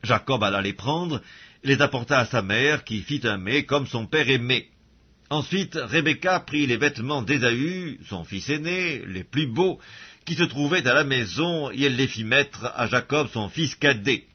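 Male scripture reader, measured and husky; dull recording. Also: mid-range voice. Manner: measured, even reading. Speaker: Bible reader.

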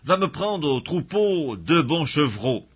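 Scheming bossy mother, a man reading her lines, husky, muffled lo-fi. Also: on the high side, sing-song, slow, pitched above the performer's own voice, full character voice. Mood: urgent. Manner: earnest, commanding reading. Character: scheming mother, urgent and commanding.

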